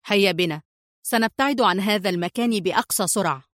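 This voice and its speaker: A woman's voice: medium pitch, fast, a bit bright, no room sound, studio quality, natural voice. Woman voicing a scornful Italian hitman. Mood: sneering. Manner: mocking, hot-tempered.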